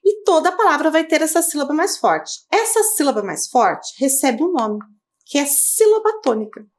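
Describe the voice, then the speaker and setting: A woman teaching children in a video lesson, her voice high and very animated as it rises and falls. She has a Brazilian Portuguese accent and breaks words into syllables slowly and clearly. She keeps asking the pupils questions.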